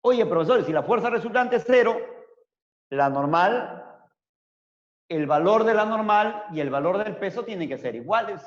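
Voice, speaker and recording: A cheeky young male student who pushes back with questions, as a man puts him on in class. His voice sits a bit higher than his teacher's. The sound is dull and lo-fi, with a long roomy echo. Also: lively intonation, normal speed. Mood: questioning. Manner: questioning, protesting.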